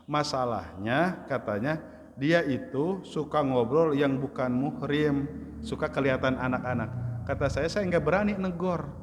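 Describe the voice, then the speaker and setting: A man giving a relaxed religious lecture in a mosque, his voice sitting at an ordinary middle pitch. He tells anecdotes and sometimes mimics the people in his stories. A long reverb hangs on his words from the hall. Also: a little slow, background noise. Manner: storytelling, acts out voices of questioners with high pitch. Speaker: Islamic religious teacher.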